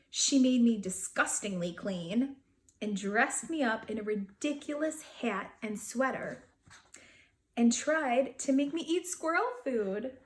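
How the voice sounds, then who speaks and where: A woman voicing a small, indignant, cunning furry beast who tells his storybook tale dramatically. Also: high voice. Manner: dramatic, aggrieved storybook telling.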